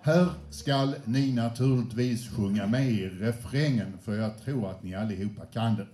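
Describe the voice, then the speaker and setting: A man's voice: lowish voice, warm tone. A man fronting a music group, introducing songs to a live audience in a chatty, anecdotal way with small hesitations. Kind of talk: live stage announcements. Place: indoor venue with a live audience. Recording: roomy echo.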